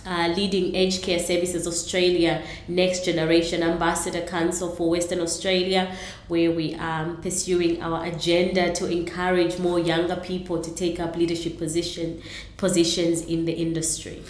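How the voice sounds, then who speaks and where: Earnest Zambian-born woman, low voice, echoey. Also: level tone, moderate pace. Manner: earnest, with many ums and repeated starts. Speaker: interview guest, entrepreneur. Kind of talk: conversational interview answers.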